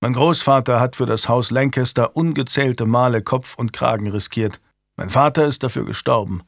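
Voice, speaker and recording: A man's voice: medium pitch, gravelly, no room sound, clean studio sound, lightly acted. Man doing a proud, sardonic defiant lord. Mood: measured. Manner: sardonic, measured.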